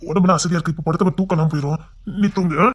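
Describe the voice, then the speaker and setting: A woman voicing a young husband who is gentle and coaxing with his pregnant wife, in an amateur audio drama. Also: fairly low pitch, fairly even intonation, rapid-fire, lightly acted. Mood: tender. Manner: gentle and coaxing, turning frantic. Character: young husband, tender and anxious.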